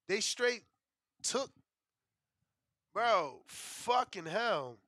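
A man's voice: high-pitched, very animated, very slow, bright, forceful tone, no echo, clean studio sound. A man chatting casually on a livestream as host, with brash frat-bro slang, heavy swearing and an indignant, complaining manner. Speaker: livestream betting show host.

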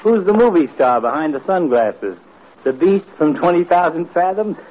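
An actor playing a blustery, teasing doctor who trades insults in a 1950s radio comedy. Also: male voice, fairly high pitch, lively intonation, normal speed, a little hiss or hum, natural voice. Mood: needling. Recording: muffled old radio recording.

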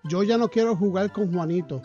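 Male co-host, notably high pitch, loose chuckling delivery, dull recording with faint music. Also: fairly quick. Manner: relaxed, chuckling, rambling plugs. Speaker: podcast co-host. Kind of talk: casual chat and show promotion. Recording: dull lo-fi podcast audio with music.

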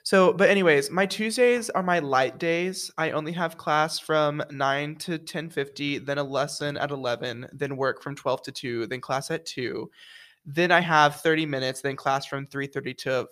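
A young man co-hosting a casual student podcast, playful and quick as he rattles through his schedule. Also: a little high. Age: young adult. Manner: playful, quick, animated rundowns. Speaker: student co-host.

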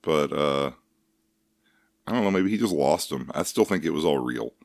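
A man's voice: very deep voice, lively intonation, normal speed, dry recording. A man co-hosting a casual podcast, talking in a dry, joking, rambling way. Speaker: podcast co-host. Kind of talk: casual chat.

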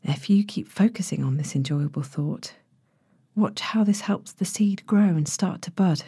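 A woman narrating a sleep story as a guided relaxation, in a gentle, hushed and breathy manner with long pauses. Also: on the low side, no echo, clean studio sound. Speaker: podcast host, sleep meditation narrator.

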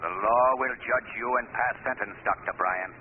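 An actor playing a commanding, mocking crime avenger, with theatrical, formal delivery in old-time radio style. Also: male voice, fairly low pitch, close to an everyday voice. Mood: accusing, ominous. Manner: theatrical, deliberate, ominous formal diction. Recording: tinny old radio broadcast, faint noise.

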